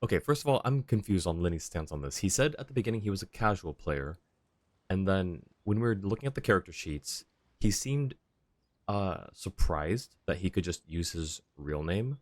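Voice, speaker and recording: This livestreamer thinks out loud over his video game, wandering between ideas, weighing options and catching his own mistakes, with gentle game music behind him. He has a low, expressive voice at a normal pace, and the recording is dry.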